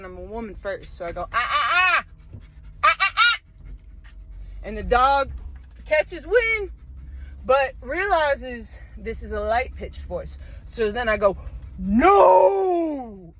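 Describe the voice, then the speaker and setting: A woman telling a rambling, profane comic story about her morning walk, with deadpan asides. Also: fairly high pitch, a little slow, slight background noise, rough recording. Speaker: vlogger. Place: outdoors in a wooded park.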